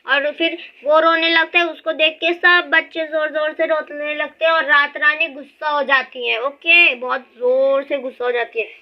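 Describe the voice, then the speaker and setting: A woman's voice: sits high, fairly even intonation, moderate pace, few pauses. A young woman teacher who reads lines from a story aloud and then explains them in simple words. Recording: dull lo-fi sound.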